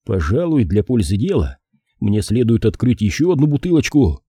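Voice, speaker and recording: Guy doing a sarcastic boozy detective, low warm husky voice, laid back and mocking. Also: very animated, no room sound. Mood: dry mocking. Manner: dry, mocking, unhurried. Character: sardonic, hard-drinking male private detective.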